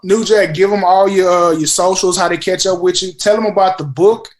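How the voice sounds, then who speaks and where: A man's voice: sits high, fairly even intonation, fairly quick, reverberant. A man co-hosting a podcast, eagerly recalling favorite moments in casual chat. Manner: enthusiastic fan recounting favorite moments. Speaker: podcast co-host.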